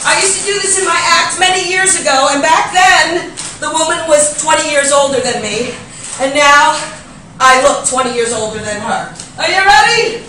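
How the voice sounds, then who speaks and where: Brash, lively New woman doing stand-up. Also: sits high, moderate pace, noisy background. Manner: brash, gossipy storytelling with acted-out voices. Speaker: stand-up comedian. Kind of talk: stand-up comedy routine. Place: comedy club stage. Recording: echoey club sound from far off.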